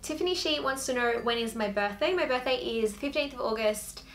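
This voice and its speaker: A woman's voice: on the high side, expressive, fairly quick, noisy background. A woman in her twenties with an Australian accent, chatting casually to camera in a Q&A and filling her talk with "like". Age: 20s. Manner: chatty, filler-heavy with frequent "like". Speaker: YouTuber.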